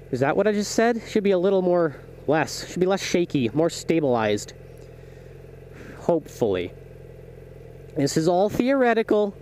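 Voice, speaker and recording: With a fairly high-pitched voice, this young motovlogger talks casually to his audience as he rides, rambling, thinking aloud and correcting himself. A small microphone inside his helmet picks him up over loud engine, wind and road noise outdoors.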